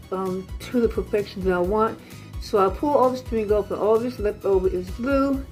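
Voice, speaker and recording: A woman's voice: mid-range voice, darkish tone. A woman vlogging at home indoors, chatting casually and explaining her craft projects step by step to her viewers. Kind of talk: casual home tour vlog.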